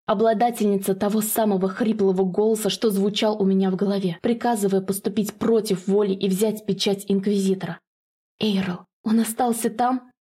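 A woman narrating a first-person fantasy audiobook in an even storytelling voice. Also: mid-range voice, a little fast, few pauses, breathy edge.

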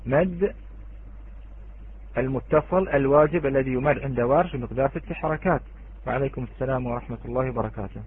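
A man's voice: medium pitch, fairly quick, husky. A man teaching an online Quran recitation lesson, patiently quizzing students and chanting the example words. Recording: tinny phone-like online audio.

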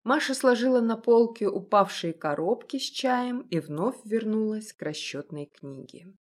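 A woman narrating an audiobook in a calm, even storytelling manner. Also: medium pitch, unhurried.

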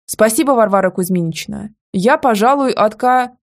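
A woman's voice: medium pitch, animated, moderate pace, close to an everyday voice. A woman voicing a composed, polite male boss in a romance audiobook.

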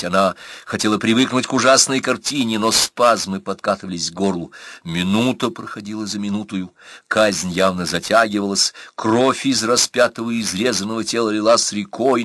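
A male audiobook narrator reading in a measured, even way. His voice is low yet bright and forceful. The sound is dry and close, from a studio mic. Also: no room sound. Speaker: audiobook reader. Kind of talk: scripted narration.

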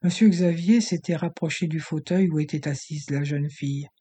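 A man narrating a literary audiobook in a steady, even storytelling manner. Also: on the high side, normal speed, slightly rough.

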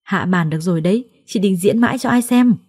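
A woman voicing a scornful, shrill young female rival. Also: fairly quick, a little mellow, breathy edge, no echo, studio quality, natural voice.

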